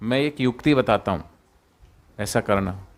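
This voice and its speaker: A man voicing a clever, boastful male jackal in a spoken moral story, calling out loudly so he will be overheard. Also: lowish voice, measured pace, natural voice. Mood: scheming. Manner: loud, confident, calling out to be overheard.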